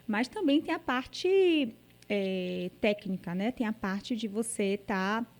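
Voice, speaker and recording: A woman's voice: mid-range voice, expressive, takes it slowly. A woman with a Brazilian Portuguese accent hosting a podcast, thinking aloud hesitantly and often ending with tag questions. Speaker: podcast host. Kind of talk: casual podcast chat.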